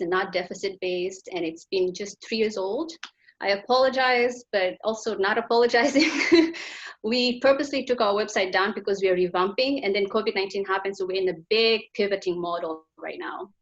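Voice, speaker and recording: Woman from Somaliland, raised in Tanzania, earnest panel speaker, slightly dull video-call sound. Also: medium pitch. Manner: earnest, animated storytelling with laughs. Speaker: founder of a nonprofit. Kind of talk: panel discussion.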